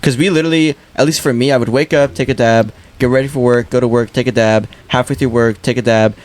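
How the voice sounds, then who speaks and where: A young man co-hosting a podcast, joking in fast, profane banter. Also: medium pitch, fairly even intonation, darkish tone. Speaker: podcast co-host. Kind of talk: casual chat.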